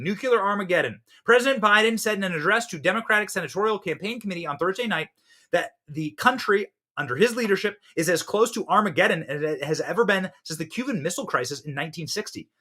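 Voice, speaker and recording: Fiery man in his thirties. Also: sits high. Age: 30s. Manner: fiery, swings from loud to hushed. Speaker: political podcast host. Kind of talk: impassioned political commentary.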